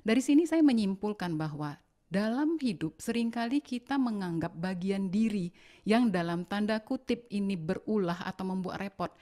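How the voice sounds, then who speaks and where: A woman hosting a seminar session, speaking in a polite, measured way. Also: mid-range voice, expressive, dark tone. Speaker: session host. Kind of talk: seminar moderation.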